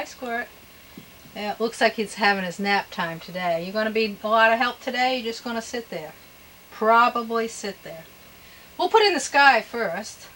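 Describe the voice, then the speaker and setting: A woman teaching painting step by step in a gentle, easygoing, encouraging way, with folksy, chatty asides to herself. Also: a little high, a little hiss or hum, low-quality recording. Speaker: painting instructor, host. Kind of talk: casual step-by-step painting demonstration.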